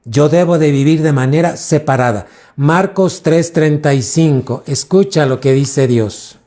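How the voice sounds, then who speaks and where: A pastor teaching a sermon in a slow, deliberate way. His voice is dark and mellow. He stretches key words and throws questions at the congregation. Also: on the high side. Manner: preaching with questions to the congregation, drawn-out emphasis.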